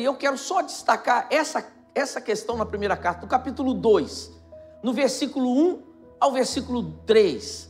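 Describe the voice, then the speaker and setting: Brazilian man preaching in a high voice. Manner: emphatic, repetitive, rising to near shouts. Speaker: pastor. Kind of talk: sermon.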